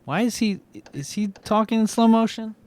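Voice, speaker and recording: A man's voice: high voice, normal speed, darkish tone. A man live streaming a video game, giving playful, chatty, casual commentary.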